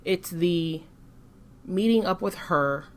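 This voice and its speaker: A woman co-hosting a podcast in casual discussion, measured and critical, often restarting her sentences. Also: on the low side, a little hiss or hum. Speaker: podcast co-host.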